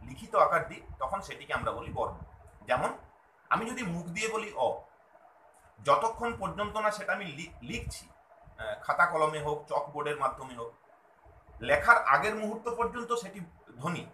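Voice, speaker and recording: A man teaches a grammar lesson in a high, very bright, ringing voice. He explains patiently and goes back over each point slowly. The sound is echoey, as if from a bare room. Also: animated, slight background noise. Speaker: language teacher.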